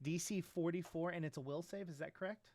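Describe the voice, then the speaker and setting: A man's voice: on the high side, quick pace, a little mellow, dry recording. A man running a tabletop game in casual talk, his volume jumping up and dropping away under uneven auto gain. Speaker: game master. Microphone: desk mic with auto gain.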